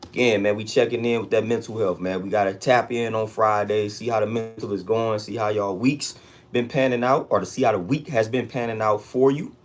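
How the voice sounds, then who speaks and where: A man's voice: lowish voice, fairly even intonation, fairly quick, faint music behind. An American man hosting a casual livestream check-in, talking in street slang and repeating hype catchphrases. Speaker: livestream host.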